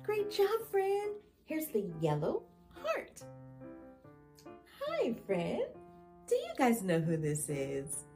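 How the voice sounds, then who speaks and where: A woman speaks like a kindergarten teacher to preschoolers, encouraging and sing-song. Her delivery is slow and swoops widely in pitch, with a soft, mellow tone. She asks simple questions and leaves room for answers. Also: wildly swooping pitch, soft background music. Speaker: children's show host. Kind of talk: preschool lesson addressed to young children.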